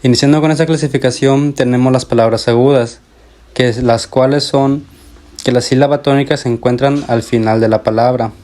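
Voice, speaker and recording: A man presenting a school lesson on word stress, halting with fillers and correcting himself. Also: medium pitch, steady tone, mellow.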